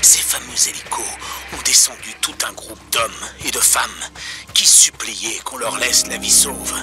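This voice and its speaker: A man's voice: mid-range voice, measured pace, music in the background, natural voice. A man playing a paranoid, conspiracy-minded pirate radio host, broadcasting grave and impassioned warnings straight to his listeners. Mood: angry warning.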